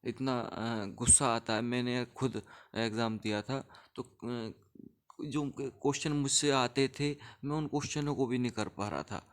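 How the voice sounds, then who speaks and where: A man's voice: mid-range voice, fairly even intonation, a little slow. A young man coaching students for a clerical exam in a casual, conversational teaching style, often checking that they follow along. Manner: conversational, keeps asking for agreement. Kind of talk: casual Hindi tutoring talk.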